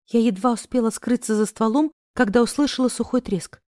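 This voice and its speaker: A woman narrating a novel in the first person, expressive and acting out the other characters' lines. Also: on the high side, fairly quick, no room sound, clean studio sound. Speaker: audiobook narrator.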